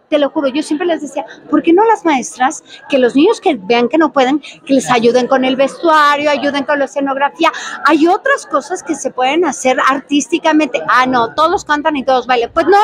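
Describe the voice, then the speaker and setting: An older woman with a Mexican accent, answering reporters in an animated, emphatic and chatty way. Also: high voice, brisk, rough recording. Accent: Mexican Spanish. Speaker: talent show judge, interviewee. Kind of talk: answering reporters in a press interview.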